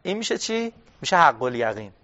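In a dull lo-fi recording, a male religious studies teacher lectures on Quranic exegesis, reading Arabic aloud and working through it step by step. He asks his listeners questions and then answers them himself, in a fairly high, sing-song voice that is pushed and bright.

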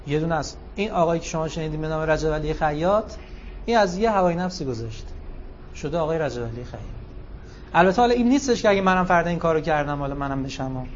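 A man giving a sermon, telling stories with animated, rising emphasis. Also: fairly high pitch, muffled recording, a little hiss or hum. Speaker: religious speaker. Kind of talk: sermon with storytelling.

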